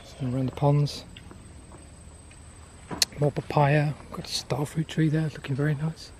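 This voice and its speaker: A man giving a casual, unscripted garden tour outdoors, listing things in an unhurried, appreciative way. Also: fairly high pitch, a little mellow. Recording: outdoor ambient noise.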